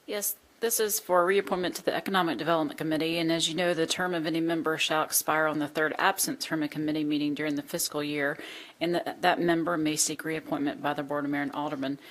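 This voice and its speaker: A woman's voice: low-pitched, fairly even intonation, quick pace, poor audio. A woman on town staff reading a formal agenda item aloud at a board meeting. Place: public meeting room.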